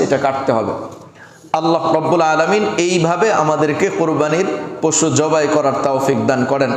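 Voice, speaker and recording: A man preaches, laying out his rules one numbered point at a time and going back over them. His voice sits fairly high. He is heard in a large, very echoey hall with a long reverb tail and faint noise behind him. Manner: explains rules step by step, repeating and listing points. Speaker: Islamic preacher. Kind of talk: sermon.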